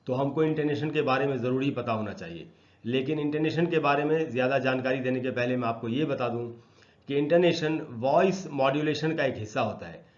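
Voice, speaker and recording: A man teaching a lesson, explaining points at length and reading English definitions out slowly and deliberately. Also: mid-range voice, highs cut off.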